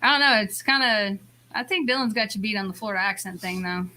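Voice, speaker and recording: A woman's voice: medium pitch, fast talker, crowd noise. A woman interviewing in a casual, informal chat. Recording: faint background noise.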